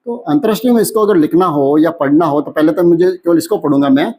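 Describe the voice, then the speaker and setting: A man teaching a maths lesson in who keeps asking questions and answering them himself, slowing down when he reads out numbers. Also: fairly high pitch, warm tone. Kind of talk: classroom lesson explanation.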